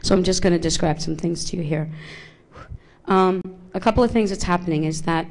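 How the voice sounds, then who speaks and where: A woman's voice: on the low side, fairly quick, darkish tone. A woman working as a psychic medium before a live audience, speaking into a handheld microphone in a small theater, thinking aloud with many restarts.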